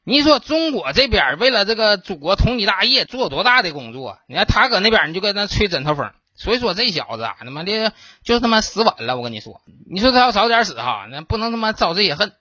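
A man's voice: sits high, very animated, quick pace, pushed and bright, no room sound, muffled recording. A man with a Northeastern Mandarin accent hosting a casual podcast monologue, blunt and joking, swearing freely. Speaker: podcast host.

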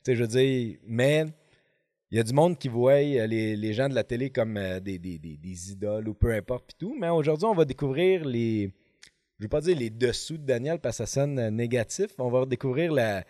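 A playful man hosts a podcast in a casual, rambling way, stopping often to hunt for words. His voice sits at a middle pitch and sounds dry and close, with no room echo. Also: normal speed, dark tone. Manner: rambling, hesitant, many fillers and restarts, playful. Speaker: podcast host. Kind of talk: casual chat. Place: podcast studio in an office.

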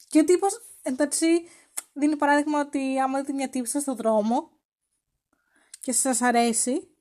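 A woman hosting a podcast, talking casually and teasingly as she acts out quoted lines. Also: sits high. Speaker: podcast host.

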